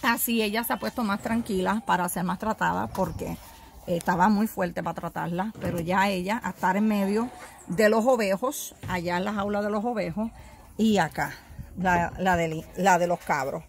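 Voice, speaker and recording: A woman's voice: medium pitch, moderate pace, a little hiss or hum. A woman filming her goats and sheep in an outdoor pen, talking to the animals in a soothing, cooing way and laughing often. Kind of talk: casual phone vlog with animals. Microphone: handheld phone.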